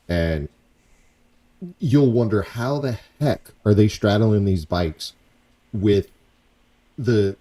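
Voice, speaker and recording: Lively low-voiced man hosting a podcast. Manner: animated, rambling, repeats himself. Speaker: podcast host. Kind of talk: casual chat.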